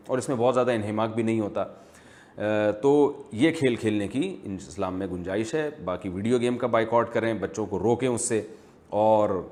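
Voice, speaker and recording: A man speaking as an Islamic scholar, answering viewer questions in a measured, explanatory, teacherly way. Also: fairly low pitch. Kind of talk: religious Q&A lecture.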